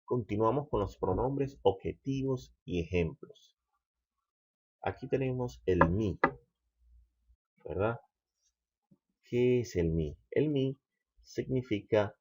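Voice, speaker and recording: A man teaching English grammar, slow and patient, checking in with the listener again and again. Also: on the low side, creaky, darkish tone, slightly rough, highs cut off. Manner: slow, patient, repeats "¿ok?" often. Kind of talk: explaining grammar.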